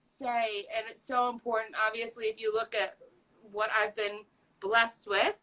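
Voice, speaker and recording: Interviewed as a guest, a fifties-aged patient advocate talks unhurriedly in a slightly high, level voice that sounds pushed and bright. Her chatty, earnest candor comes with many fillers and restarts, captured in a low-quality recording.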